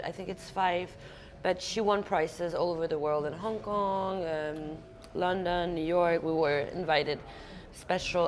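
A woman who grew up in Denmark, a painter chatting as an interview guest over lunch, lively with frequent laughs and restarts. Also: on the low side. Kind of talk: casual interview chat.

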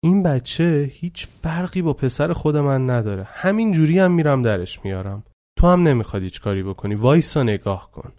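A blunt, commanding middle-aged firefighter in a spoken story gives orders without softening them, as a male narrator voices him. His voice is warm and dark-toned. He speaks firmly and directly. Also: mid-range voice, expressive, lightly acted. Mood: angry.

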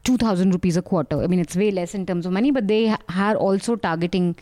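A woman's voice: medium pitch, fast, warm tone, no room sound. A woman with an Indian accent speaking as a panelist in a casual political discussion.

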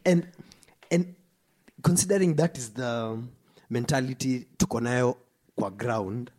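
Man, Kenyan accent, husky, mid pitch, stop-start emphatic delivery, casual podcast discussion. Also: unhurried, a little mellow. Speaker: podcast co-host. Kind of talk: casual opinionated discussion, mixing English and Swahili slang.

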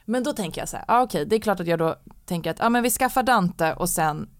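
A woman in casual podcast chat, telling a story in a lively, animated way with many fillers. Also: on the low side, dry recording, studio quality. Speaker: guest telling her story.

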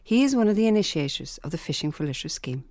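A woman's voice: low voice, big pitch swings, quick pace, darkish tone, dry recording, clean studio sound. A woman presenting scripted documentary narration in an earnest, emphatic manner.

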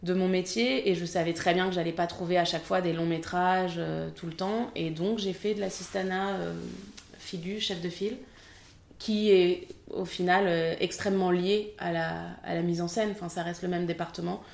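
Creaky-voiced woman in her thirties. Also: lowish voice, steady tone, normal speed, darkish tone, reverberant. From France. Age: 30s. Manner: chatty, candid, many fillers. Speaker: guest, film assistant director. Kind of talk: casual interview.

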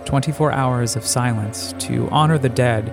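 A man from the United States narrating a scripted first-person audio essay in a reflective, deliberate way. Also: medium pitch, vocal fry. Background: music.

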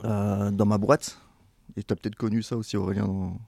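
A man's voice: lowish voice, flat delivery, moderate pace, creaky, mellow, no echo, clean studio sound. A man co-hosting a podcast, teasing and chatting casually. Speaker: podcast co-host. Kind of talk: casual chat.

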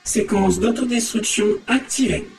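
A man voicing a calm ship computer that announces alerts in a flat, repeating way. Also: high-pitched, measured pace, voice pushed up. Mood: calm announcing. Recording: echoey with faint music.

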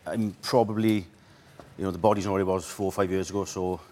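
Fast, low-voiced male studio guest. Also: fairly even intonation, darkish tone, a little hiss or hum. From Wales. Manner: halting, many fillers. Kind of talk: casual interview answers.

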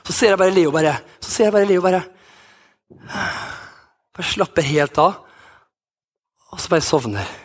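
A man's voice: high voice, lively intonation, pauses often, breathy edge. A man in his thirties, a youth pastor, telling a personal story in a sermon with many restarts and fillers. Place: church hall.

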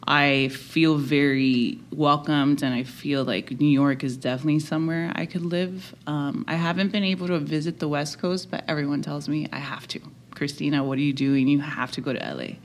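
A woman's voice: low-pitched, steady tone, moderate pace, hardly any pauses. A woman from Miami, a podcast guest chatting casually and laughing easily. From Miami, United States. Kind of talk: casual interview chat.

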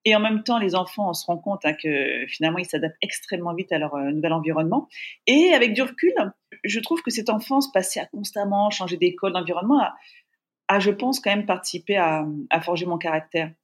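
Warm, reflective woman guest. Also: fairly low pitch, expressive, a little fast. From francophone Africa. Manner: warm, reflective, thinks aloud. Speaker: podcast guest, TV presenter. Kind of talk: casual remote interview.

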